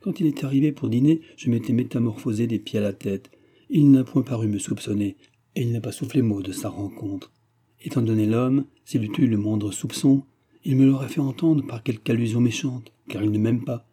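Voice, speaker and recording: A man's voice: mid-range voice, fairly quick, warm tone, breathy edge, lightly acted. Anxious young woman, as a man reads her. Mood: reassuring.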